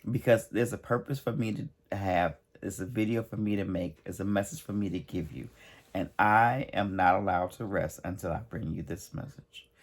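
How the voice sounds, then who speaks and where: A man's voice: low-pitched, normal speed. A man speaking in a tired voice, hosting a motivational monologue on spiritual growth. He talks earnestly and repeats his points with emphasis, speaking directly to the listener. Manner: earnest, repetitive, emphatic encouragement. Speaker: spiritual channel host.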